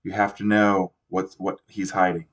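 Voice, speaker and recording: A man reading the lines of a tense grown man who guards and protects a boy, in a low, even voice. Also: normal speed. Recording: dull lo-fi recording.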